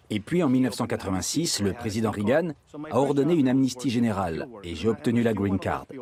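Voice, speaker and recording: A man in his forties giving an earnest, heartfelt personal testimony. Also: lowish voice.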